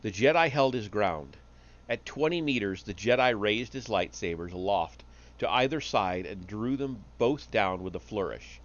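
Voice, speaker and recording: A man reading a story aloud on a live stream, steady but with small slips and restarts. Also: on the low side, moderate pace, lo-fi sound.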